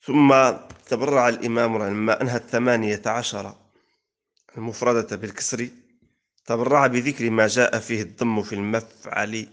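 A man teaching a classical grammar lesson, explaining and reciting verse in a measured way. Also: medium pitch, fairly even intonation.

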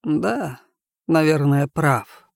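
A man playing a gruff, loyal wolf in a storybook reading, slow and measured, with a dry close sound. He speaks bluntly and sternly. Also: a little high, animated, no echo, heavily acted. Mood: conspiratorial.

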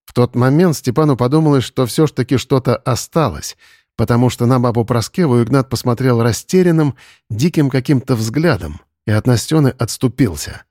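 A man's voice: mid-range voice, no room sound. Man narrating an audiobook, dry sound. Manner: steady, measured storytelling. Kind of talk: scripted narration.

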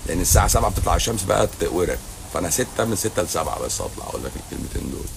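A man's voice: deep voice, expressive, very fast, creaky, noisy background. A middle-aged man with an Egyptian Arabic accent, a doctor answering viewer questions on a livestream in a blunt, teasing, sarcastic way. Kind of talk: casual livestream Q&A. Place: hotel lobby at night.

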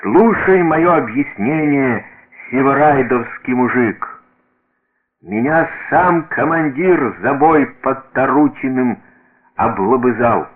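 A man voicing a proud, dying old veteran soldier who shouts and boasts in a radio reading. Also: mid-range voice, expressive, unhurried, pitched above the performer's own voice, natural voice. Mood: boastful. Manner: shouting, boastful, breaking into coughs. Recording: tinny radio broadcast.

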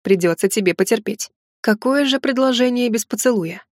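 A woman reading the lines of a self-assured, teasing young man in a low, hushed, commanding voice. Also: normal speed, dry recording, clean studio sound, natural voice. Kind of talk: audiobook character voice.

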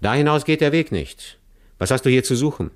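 A man voicing a rough, commanding male forest robber in an audiobook, gruff and blunt. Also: mid-range voice, animated, fairly quick, pitched above the performer's own voice, lightly acted. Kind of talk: audiobook character voice.

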